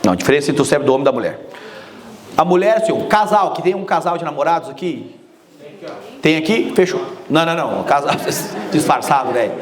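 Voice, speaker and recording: A man giving a motivational talk, energetic and joking, speaking straight to the audience. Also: on the high side, fast.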